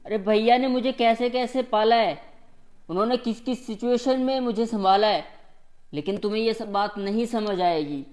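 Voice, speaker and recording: A man's voice: sits high, moderate pace, a little mellow, natural voice. An actor playing a tired young husband back from the office, who lectures his wife and defends his elder brother. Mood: frustrated. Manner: reproachful and lecturing. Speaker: actor in a family short film. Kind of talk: Hindi short-film drama acting.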